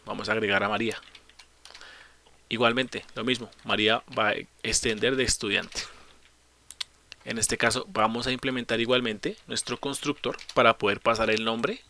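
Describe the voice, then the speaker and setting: Bright-voiced man teaching code. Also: mid-range voice, fairly even intonation, normal speed. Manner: explains step by step, asks and answers his own questions, corrects slips. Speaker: programming teacher. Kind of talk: screen-recorded coding tutorial.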